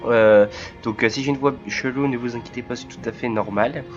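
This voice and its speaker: Casting note: man, under the weather, hosts his game let's play with halting commentary full of fillers. Lo-fi home mic, soft game music under him. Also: mid-range voice, steady tone. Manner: hesitant, many filler pauses. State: sick, voice cracking. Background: faint game music.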